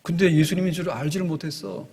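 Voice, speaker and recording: Male pastor, husky and a bit high-pitched, preaches in short phrases that swell on key points; church reverb. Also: fast, a little mellow. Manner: explains in short spoken phrases, voice rising and strengthening on key words. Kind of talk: sermon.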